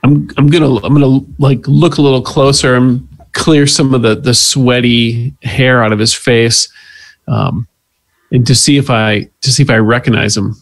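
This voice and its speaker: A man playing a tabletop role-playing game, speaking in character in a pushy, interrogating way with halting restarts. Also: medium pitch, steady tone, dry recording. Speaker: player.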